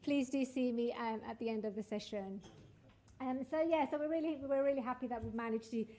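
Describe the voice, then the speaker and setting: Woman, fairly high pitch, soft mellow tone, informal presenter addressing an audience, hesitant with frequent ums. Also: brisk, a little hiss or hum. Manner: addressing an audience, checking they can hear. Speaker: director of studies giving a conference talk.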